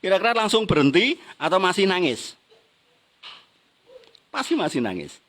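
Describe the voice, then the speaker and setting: A man's voice: high-pitched, wildly swooping pitch, normal speed, a bit bright, a little hiss or hum. A middle-aged man gives a motivational seminar talk, teasing the audience with questions and laughing along. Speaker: business motivational trainer.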